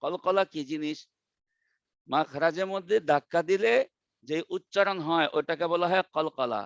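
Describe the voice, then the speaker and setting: A man teaching Quran pronunciation in an online class, drilling letters slowly and repeating them over and over. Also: on the high side, dry recording, lo-fi sound. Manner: slow, drawn-out letter drills with repetition. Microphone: video call.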